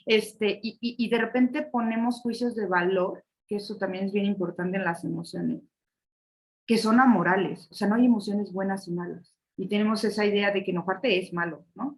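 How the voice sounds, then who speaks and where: In a roughly recorded online leadership session, a woman with a mid-range voice lectures conversationally. She often closes her points with a questioning tag and a laugh.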